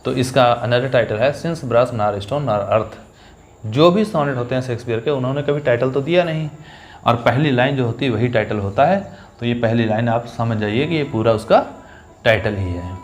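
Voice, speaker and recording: Male teacher, mid-pitched, patient step-by-step exam coaching, slow syllable-by-syllable reading. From India. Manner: explains step by step, reads lines slowly with stress on each syllable. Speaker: English teacher. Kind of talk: exam-focused poetry lesson.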